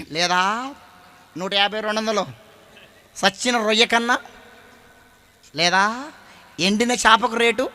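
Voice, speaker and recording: Very high, bright Telangana preacher. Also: male voice. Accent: Telangana Telugu. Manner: animated, mimicking and blunt. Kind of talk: folksy storytelling sermon.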